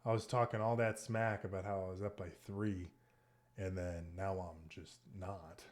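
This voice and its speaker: A man thinking aloud as he plays online chess, muttering moves and often dropping to a hushed near whisper. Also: deep voice, little pitch movement, unhurried. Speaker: chess streamer.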